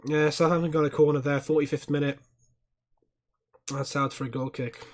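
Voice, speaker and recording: Young man, football watchalong streamer, casual chat, swears a lot, swings into loud angry rants. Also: little pitch movement, normal speed. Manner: swears a lot, erupts into angry high-pitched rants at fouls.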